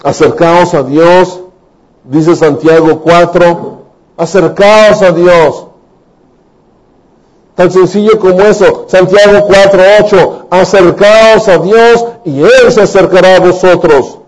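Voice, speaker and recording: High-voiced man preaching with lively storytelling. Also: takes it slowly, rough recording. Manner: animated storytelling, acting out the Bible voices. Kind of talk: sermon.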